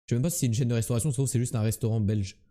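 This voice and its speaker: Loud teasing male streamer, mellow voice. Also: mid-range voice, fairly even intonation, rapid-fire. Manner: loud, teasing, talks to chat. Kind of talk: live-streamed quiz game chat.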